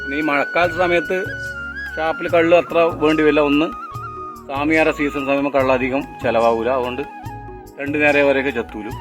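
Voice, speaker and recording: With a fairly high, level voice and a slightly quick pace, a man from Kannur in northern Kerala, India, casually demonstrates his work as a toddy tapper, speaking with a Kannur Malayalam accent. Instrumental background music accompanies the recording.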